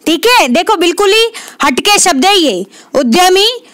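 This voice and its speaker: A woman tutoring for an exam who takes her time, puts a question to herself, answers it and says the key word again. Her voice sits very high and lively, bright and tense. The sound is dry and close. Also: a little slow, dry recording. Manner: repeats key words, asks and answers her own questions. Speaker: Hindi literature exam tutor. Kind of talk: quiz explanation lesson.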